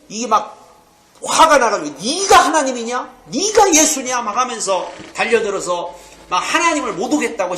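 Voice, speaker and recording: High-voiced, emphatic preaching man. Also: slight background noise. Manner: emphatic, animated, keeps asking "응?" and acts out quotes. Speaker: pastor teaching a theology lecture. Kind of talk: sermon-style Bible lecture. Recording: echoey room.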